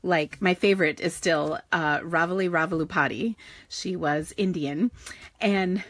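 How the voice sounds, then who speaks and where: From her home craft office, a Minnesotan woman runs a live stamping stream, chatting in a rambling way and laughing frequently. Her lowish, unhurried, fairly bright voice sounds tired and is starting to go.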